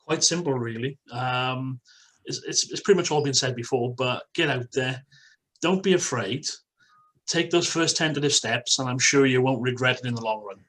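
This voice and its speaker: A man's voice: medium pitch, normal speed, fairly bright tone, rough recording. A man on an online panel, plain-spoken and teasing.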